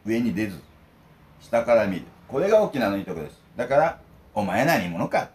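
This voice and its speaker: A man's voice: on the low side, sing-song, a little fast, darkish tone. Rambling, jokey middle-aged man from Okinawa. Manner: jokey, wandering storyteller. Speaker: food vlog host. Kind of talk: casual rambling chat while eating.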